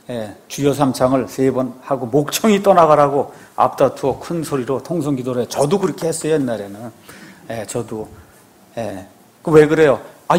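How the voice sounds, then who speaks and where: A man's voice: on the high side, a little mellow. Man preaching with rhetorical questions. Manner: conversational preaching with rhetorical questions and frequent affirming "yes". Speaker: pastor. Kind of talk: sermon.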